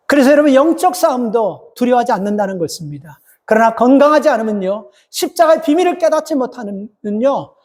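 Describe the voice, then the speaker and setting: A man, a pastor, preaching a Sunday sermon in an emphatic manner, talking straight to the congregation with rhetorical questions. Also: a little mellow. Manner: acts out biblical quotes with rising, heated pitch.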